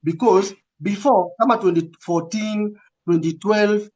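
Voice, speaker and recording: A man's voice: sits high, measured pace, darkish tone, dull audio. A man with a Kenyan accent giving interview answers in casual, code-switching talk, earnest and emphatic, repeating phrases for stress. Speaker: recruitment agency representative, interview guest.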